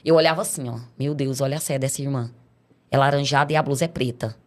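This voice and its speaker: As a podcast guest, a middle-aged Brazilian woman recounts her life in casual testimony, voicing the people in the tale herself. Her accent is Brazilian Portuguese, her pitch extremely low and her speech fast.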